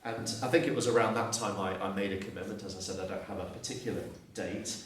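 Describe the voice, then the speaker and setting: A guest speaker in his thirties from Surrey, in southeast England, talks fast in a steady, lowish voice with a Southern English accent. He gives an earnest, reflective personal testimony, often restarting sentences. The mic is distant, with heavy reverb and a slight hiss or hum.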